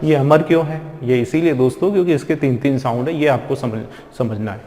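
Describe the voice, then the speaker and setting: A man's voice: mid-range voice, brisk, dark tone. A man teaching a spoken English lesson, explaining step by step and often asking his students questions. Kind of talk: classroom lesson explaining pronunciation. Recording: echoey room with long reverb.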